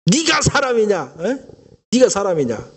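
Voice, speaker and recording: A bitter abandoned wife hurls sharp, raised rebukes at her husband, acted out by a man. Her voice sits high and fierce, scolding rather than crying. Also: a little fast. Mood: furious. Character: furious abandoned wife, middle-aged woman, bitter.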